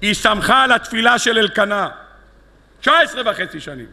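A man's voice: high voice, expressive, vocal fry, sharp tone. A man giving a sermon as a rabbi, telling stories with animation and acting out the dialogue. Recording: long hall reverb.

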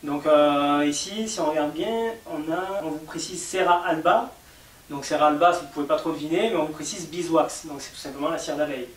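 A man's voice: on the high side, brisk. A man with a French accent explaining cosmetic ingredients in an interview, patient and step by step, with many fillers. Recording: echoey room, mic at a distance, faint hiss.

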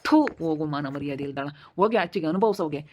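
A woman's voice: low voice, animated, quick pace, a little mellow, a little hiss or hum. A woman playing an angry, stern middle-aged village father who scolds and insults. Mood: bitter scolding. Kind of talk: village family drama acting.

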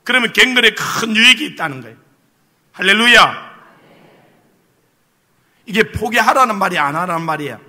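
Speaking very fast with hardly any pauses, a male pastor shares a funny personal anecdote and fires rhetorical questions at his listeners. His high voice is bright and forceful with lively intonation, echoing in a church hall's long reverb.

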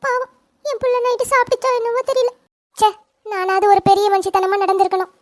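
A woman's voice: very high-pitched, fast, no room sound. A woman voicing a worried, fretful middle-aged mother in a cartoon family drama. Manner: fretful, complaining.

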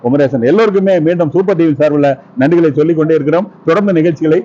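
A man working as a TV host, giving effusive live commentary and quick introductions of speakers at an event. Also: fairly high pitch, warm tone. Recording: dull lo-fi sound.

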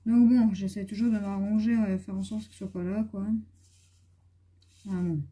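A woman, an adult with a young son, colors at home indoors while filming for her YouTube channel. Her mid-range voice is mellow and slightly breathy, with a steady tone and moderate pace, as she rambles casually with many fillers.

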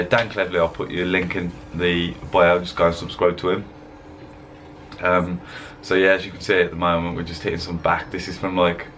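Recording a casual vlog voice-over for gym footage from an indoor room, a young man who makes fitness videos chats loosely and laid-back, with lots of fillers. His voice is very deep. A desk webcam picks him up, and faint background hiss runs beneath.

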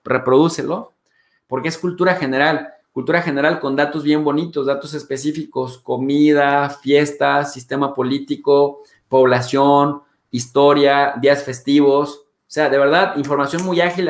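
A man's voice: fairly high pitch, little pitch movement, moderate pace. Chatty Mexican man, roomy sound. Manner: chatty, swears playfully, mimics voices. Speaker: host. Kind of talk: animated casual monologue.

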